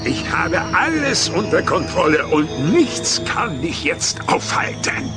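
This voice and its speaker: A man voicing a megalomaniac old mad scientist villain in a cartoon dub, with a theatrical, menacing, gloating manner and gravelly voice. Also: fairly high pitch, sing-song, slow pace. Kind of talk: dubbed cartoon acting. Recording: loud music and effects behind voice. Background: loud music.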